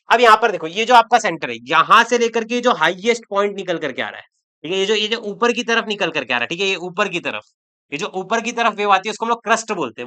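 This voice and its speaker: A man whose voice sits high and sounds sharp teaches chemistry in an online exam-prep lecture. Chatty and joking with his students, he repeats words to stress them.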